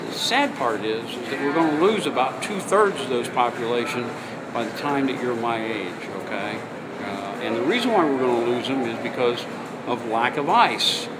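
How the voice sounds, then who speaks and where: A man's voice: mid-range voice, lively intonation, moderate pace. Middle aged guy chatting like a youth mentor, encouraging, keeps checking in, really noisy background like a vehicle. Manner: encouraging, often checks in with okay and right. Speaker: youth programme leader and interviewer. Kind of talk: conversational educational interview. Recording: loud ambient vehicle-like background noise.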